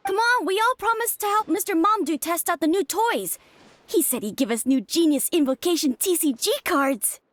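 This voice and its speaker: An actress voicing a cheerful, eager little child in a video game. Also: female voice, very high-pitched, lively intonation, normal speed, no room sound. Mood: coaxing. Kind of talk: video game character dialogue.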